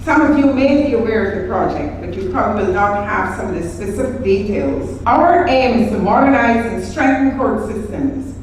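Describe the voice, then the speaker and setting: A Guyanese woman, a project director, gives a courteous formal address to dignitaries. Her pitch sits in a middle range. The recording is heavily echoey and distant, with faint room noise from the hotel function room. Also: expressive, normal speed, few pauses. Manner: formal, courteous, reading protocol list. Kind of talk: formal speech. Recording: echoey hall, distant mic.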